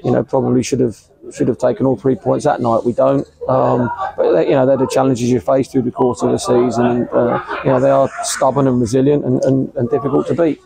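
A middle-aged English football manager in a post-match interview outdoors at a ground, measured and hesitant, with many fillers and repeated words. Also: male voice, medium pitch, flat delivery, vocal fry, a crowd in the background, low-quality recording. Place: outdoors under a covered stand at a football ground.

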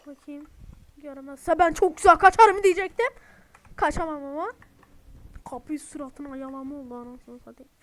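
A young woman streaming a horror game, swearing a lot, yelling in panic at the enemies and then whispering pleas not to be seen. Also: sits high, creaky. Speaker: gaming streamer. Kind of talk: horror game let's play commentary. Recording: faint background noise.

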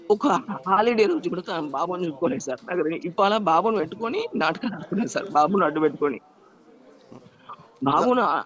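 A man's voice: sits high, fairly bright tone, lo-fi sound. A man, pleading emotionally in a news interview and repeatedly appealing to the interviewer. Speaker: interviewee, estranged husband.

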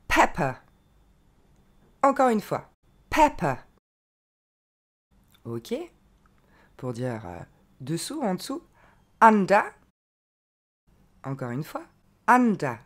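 A woman teaching pronunciation, modelling each English word slowly and clearly and repeating it, with encouraging explanations in between. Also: low-pitched, a little mellow. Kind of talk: pronunciation lesson.

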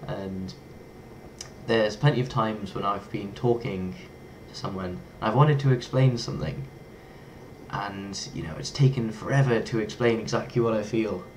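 At a moderate pace and on the low side, a young adult man from England, English-accented, chats playfully to his webcam in a small bedroom. This casual vlog is a low-quality recording with a little hiss or hum. He's lively and toys with foreign words.

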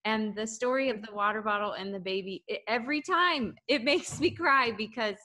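A woman's voice: fairly high pitch, moderate pace, bright, forceful tone. A woman co-hosting a podcast, chatting casually and with feeling, often restarting her sentences. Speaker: podcast co-host. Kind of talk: casual chat.

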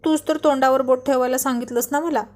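A woman's voice: high-pitched, steady tone, fast talker, natural voice. A woman voicing a playful, stubborn young husband who teases his wife in a laid-back tone. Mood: teasing. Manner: laid-back and teasing, mixes in English words.

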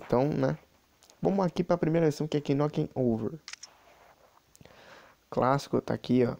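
A man's voice: a little high, gravelly, dark tone. A man giving chatty, casual commentary while playing a mobile game, talking to his viewers with many asides. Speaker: mobile game channel host.

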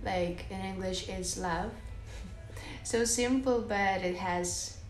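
With a Russian accent, a young adult woman giggles softly through a slow, casual livestream chat from her bedroom, responding to viewers' comments and using many fillers like "like" and "uh". She lies on the bed holding the phone close; her voice is mid-range, the room sounds reverberant, and faint music plays in the background.

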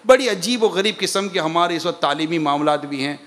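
A man's voice: a little high, animated, fairly quick, a bit bright. A middle-aged man giving a sermon, exhorting his listeners with long chains of repeated phrases. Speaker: preacher.

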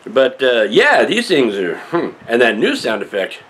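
An older man vlogs while working on a prop, talking to camera at a measured pace, wry and rambling, his pitch lively. The setting shifts from a small cluttered room indoors to a patio workshop, and a little hiss or hum runs under the audio.

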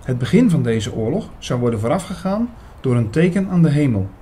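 In a scripted radio drama, a man narrates his own story as the lead actor, playing an attentive investigator who sounds engaged and appreciative. His medium-pitched voice is very animated and warm, a little fast and slightly rough.

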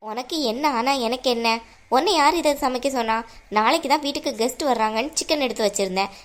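A woman voicing a harsh, domineering mother-in-law in an animated cartoon, scolding in a bossy way. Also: sits high, fast talker, lightly acted. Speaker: voice actor.

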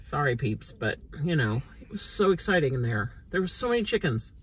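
A woman in her forties chats from a parked car, her voice swinging up and down as she rambles on with excitement. The phone mic sits a little away from her, and a faint hum from the car sits under her voice. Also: sits low, a little fast, far from the mic. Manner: chatty, rambling, lively and excitable. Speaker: homestead vlogger. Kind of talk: casual chat. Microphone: phone on the dashboard.

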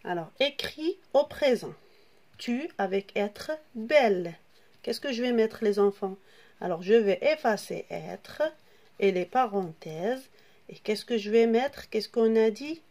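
A woman's voice: on the high side, slow pace, darkish tone. A woman teaching a French grammar lesson to young children, spelling words out letter by letter and asking the class questions. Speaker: primary school French teacher.

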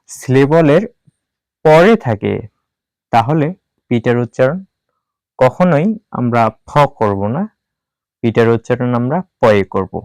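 A man's voice: medium pitch, a little mellow, dry recording, rough recording. A man teaching an English pronunciation lesson, spelling out letters one by one and repeating each rule for emphasis. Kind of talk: classroom-style lesson.

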